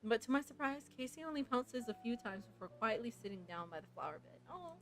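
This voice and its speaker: A woman's voice: on the high side, fast, poor audio. Chatty young woman reading a game aloud. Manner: reads story text aloud with chatty excited asides. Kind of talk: casual playthrough narration.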